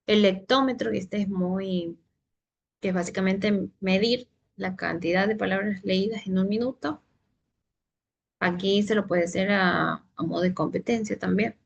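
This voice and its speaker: A woman giving a teacher training presentation on reading, explaining in steps with frequent "eh" pauses and restarts. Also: medium pitch, gravelly, dull audio. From Santiago del Estero, Argentina.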